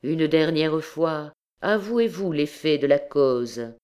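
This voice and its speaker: A woman reading an audiobook voices a calm, coldly polite male prosecutor who speaks slowly. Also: deep voice, clean tone. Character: mild, unflappable older male royal prosecutor.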